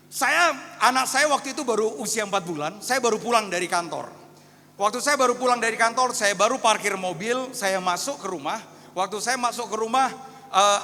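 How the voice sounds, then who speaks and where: A male pastor in his thirties preaching a storytelling sermon to a congregation, moving between hushed and fervent delivery. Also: high-pitched. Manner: storytelling, addresses congregation as Pak and saudara; swings from hushed to loud, fervent. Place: church hall. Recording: long echo of a church hall.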